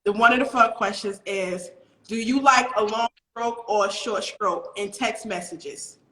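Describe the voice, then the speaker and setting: A woman in her late thirties hosting a talk show, chatting in an excitable, rambling way. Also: mid-range voice, measured pace, echoey room, poor audio. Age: late 30s. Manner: excitable, rambling, laughs often. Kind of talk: casual interview chat.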